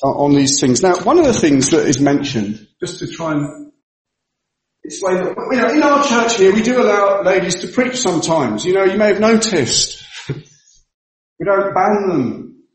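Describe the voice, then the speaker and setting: A man preaches a sermon in a church, laying out his explanations emphatically and circling back to repeat the points he cares about. His voice sits high and moves a great deal in pitch. The sound is very reverberant, like a large hall. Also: expressive, normal speed. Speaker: pastor.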